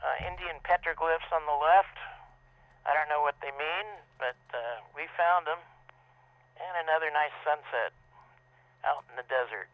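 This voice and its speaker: Middle-aged male club presenter, somewhat high voice, rambling casual slideshow talk over a dull lo-fi line. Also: unhurried, long pauses, dry recording. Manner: relaxed, rambling, many "uh" fillers. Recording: dull lo-fi dry audio.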